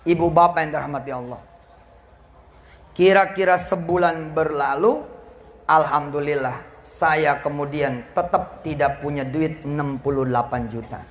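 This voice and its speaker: A middle-aged man preaching a storytelling sermon, acting out the dialogue with lively, raised voices. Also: a little high, creaky, a little hiss or hum. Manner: animated, acts out dialogue with raised voice.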